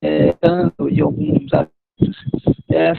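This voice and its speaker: A male professor speaking haltingly on a video call while his audio glitches and breaks up. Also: on the high side, very animated, gravelly. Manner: halting, many fillers and tag questions. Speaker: university professor. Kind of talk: online meeting, asking a long question. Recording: muffled dry video call with dropouts.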